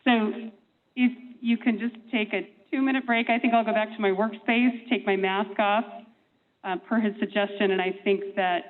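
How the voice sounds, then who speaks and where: A staff presenter with a steady, mid-range voice explains a plan to a meeting while wearing a face mask, measured and explanatory, with plenty of ums. Her voice comes over a thin, tinny, phone-like remote line that breaks up and keeps cutting in and out.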